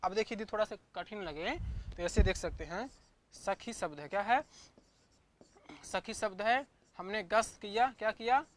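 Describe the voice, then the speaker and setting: A woman teaching an online grammar class at a medium pitch. She works slowly through each step, asks a question and then answers it herself. She repeats key forms several times to drill them in. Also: expressive. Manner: drills by asking and answering her own questions; repetitive, step-by-step explanation.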